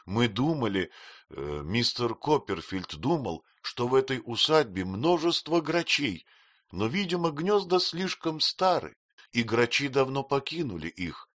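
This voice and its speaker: A man's voice: mid-range voice, big pitch swings, unhurried, a bit bright, dry recording, clean studio sound, voice pushed up. A man voicing a timid, frail young mother who speaks faintly and hesitantly.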